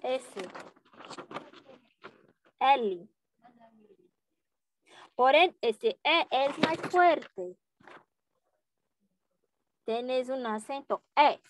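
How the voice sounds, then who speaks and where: A young woman with a Brazilian Portuguese accent teaching a Portuguese lesson in Spanish, drawing out each letter sound slowly. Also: high-pitched, animated, background noise. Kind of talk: slow language lesson.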